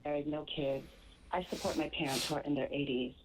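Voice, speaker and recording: A woman's voice: sits low, fairly even intonation, a little fast, a little hiss or hum. A woman in her forties calling in to a radio show, laying out her situation in an organized, earnest way. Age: 40s. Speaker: caller. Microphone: phone. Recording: tinny phone line.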